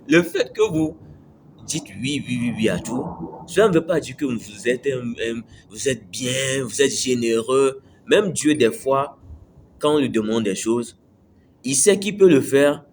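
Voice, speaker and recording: A self-improvement host with a mid-range, darkish voice talks casually to camera against slight background noise. He motivates in a conversational way, circling back over his points and asking "tu me suis".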